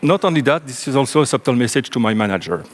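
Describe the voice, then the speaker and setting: A man from French-speaking Belgium with a French accent, giving a technical conference talk from a stage in a relaxed, joking way with many ums and restarts. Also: medium pitch, quick pace, slight background noise. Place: large conference room on stage.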